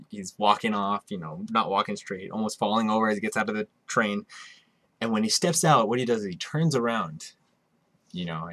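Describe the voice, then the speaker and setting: Deep-voiced man rambling through a story. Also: sharp tone, dry recording. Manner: rambling, with frequent restarts and asides. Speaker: podcast host; musician. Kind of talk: casual storytelling monologue.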